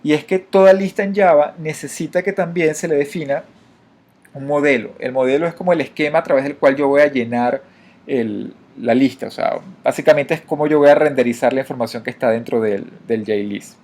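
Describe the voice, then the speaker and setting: Male instructor, slightly high voice, patient step-by-step code walkthrough with hesitant fillers. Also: fairly quick, a little mellow. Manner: explanatory, frequent fillers and restarts, addresses viewers directly. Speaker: programming instructor. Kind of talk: screen-recorded coding tutorial.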